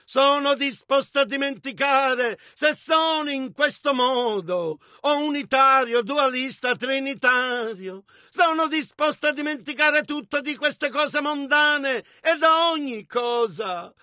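A man interprets a sermon phrase by phrase in a very high, bright voice. He speaks slowly and with emphasis, shouting where the preacher shouts, and the sound is close and dry. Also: no echo.

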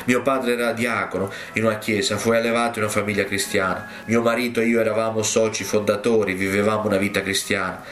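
Repentant middle-aged woman, ashamed, low-voiced as a male preacher reads her. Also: little pitch movement, quick pace, hardly any pauses, a bit bright, echoey room, close to an everyday voice.

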